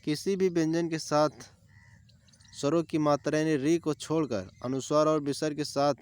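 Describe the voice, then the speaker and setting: A man's voice: fairly high pitch, fairly even intonation, moderate pace, darkish tone, clear, resonant tone. A man teaching an exam-prep grammar lesson, explaining step by step and repeating key terms with lists of examples.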